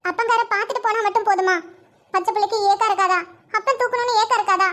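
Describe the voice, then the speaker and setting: Fields: Figure: shrill, rapid cartoon grandmother. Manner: coaxing. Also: fairly even intonation, bright, forceful tone. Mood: scolding gently. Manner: pleading, chiding, rural Tamil grandmotherly speech. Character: fussing elderly grandmother, gentle and coaxing. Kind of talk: animated cartoon voice acting.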